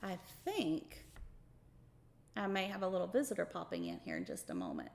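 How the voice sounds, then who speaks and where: Overbright, lively female kids' host. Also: on the low side, moderate pace, vocal fry. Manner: overbright kids' party host, sing-song encouragement. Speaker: children's show host. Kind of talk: interactive children's lesson with a puppet.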